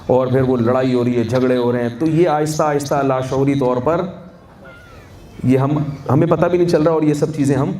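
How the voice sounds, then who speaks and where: Preacher with a Pakistani Urdu accent, echoey hall. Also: male voice, medium pitch, mellow. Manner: conversational, asks the audience questions and answers them himself. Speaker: Islamic scholar. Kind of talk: sermon at a wedding feast. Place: large hall at a wedding reception. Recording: echoey, distant mic, faint hum.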